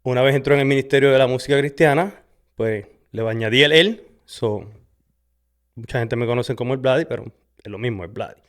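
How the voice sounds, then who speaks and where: A man's voice: mid-range voice, brisk. A middle-aged man with a Puerto Rican accent hosts a podcast and shares his personal testimony in a casual, conversational way, often tagging sentences with "¿verdad?" and slipping in an English "so". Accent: Puerto Rican Spanish. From Puerto Rico. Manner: conversational, frequent "¿verdad?" and Spanglish "so". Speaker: podcast host. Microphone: studio camera setup.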